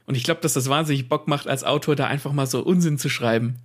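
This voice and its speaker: A man co-hosting a podcast on writing, talking in a relaxed, colloquial way. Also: medium pitch, fast. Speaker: podcast co-host. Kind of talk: casual podcast chat.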